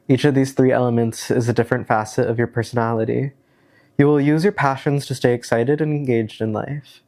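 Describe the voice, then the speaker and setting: A gravelly, darkish, medium-pitched voice belongs to a young vlogger who has a cold and sounds stuffy and nasal. In casual chat he reads out a self-help worksheet, rambling along hesitantly and using lots of filler words.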